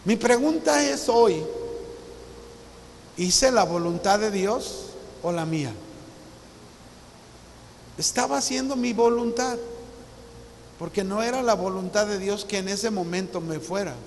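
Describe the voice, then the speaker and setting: A pastor around sixty preaches with a notably high voice, telling his story in an earnest, personal way. His words ring out with a long reverb, and a faint hiss sits underneath. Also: unhurried, pauses often. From Mexico. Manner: earnest storytelling, acts out remembered dialogue. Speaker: visiting pastor. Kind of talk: sermon. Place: church hall.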